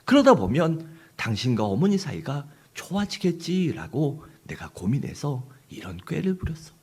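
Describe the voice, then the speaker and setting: A husky-voiced man voicing a clever husband who speaks in an old-fashioned formal way. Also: on the high side, big pitch swings, normal speed, pitched above the performer's own voice, exaggerated voice. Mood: reassuring. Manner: old-fashioned formal speech, first scolding then reassuring. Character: wise, scheming husband, gentle but firm.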